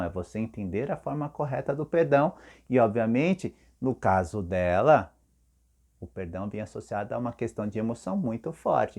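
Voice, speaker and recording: A man's voice: on the low side, dark tone. A man, a therapist, talking casually to camera and telling a client's story, acting out her words.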